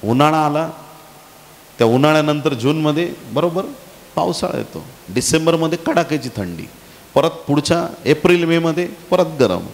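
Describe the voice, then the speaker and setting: A man's voice: fairly high pitch, lively intonation, normal speed, gravelly. A man preaching a sermon as pastor, telling stories with animation and calling on the congregation for amens. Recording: echoey hall with faint hiss.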